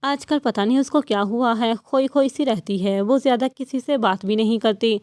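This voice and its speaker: A man's voice: extremely high pitch, a little mellow, smooth, no room sound. Old driver guy, worried and respectful, a woman reading him, dry close sound. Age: older. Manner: respectful, fretful. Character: old male family driver, humble and worried.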